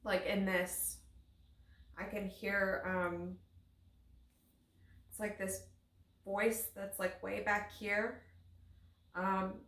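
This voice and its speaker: Casting: woman, gravelly fry, echoey room, halting and searching unscripted narration of what she senses. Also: mid-range voice, level tone, a bit bright. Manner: halting, searching, trails off mid-phrase. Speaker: paranormal investigator receiving in a spirit box session. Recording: roomy, echoey sound.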